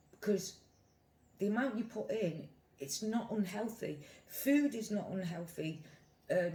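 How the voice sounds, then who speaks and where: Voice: mid-range voice, mellow, slight background noise. A British vlogger talking casually and giving opinions to camera, rambling and repeating phrases for emphasis. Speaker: mukbang vlogger. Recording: echoey room.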